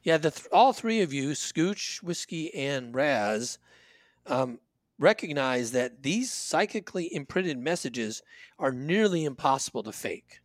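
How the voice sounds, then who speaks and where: A man's voice: on the high side, sing-song, a little slow, dry recording. A man narrating as game master in a tabletop game, talking loosely with fillers and restarts. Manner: rambling, with many fillers and restarts.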